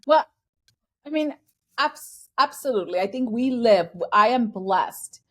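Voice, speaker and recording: A woman from Bangladesh, a finance and transformation executive, is a guest in a conversational interview. Her fairly high, slightly bright voice is expressive and unhurried as she speaks earnestly and reflectively, acting out quoted exchanges.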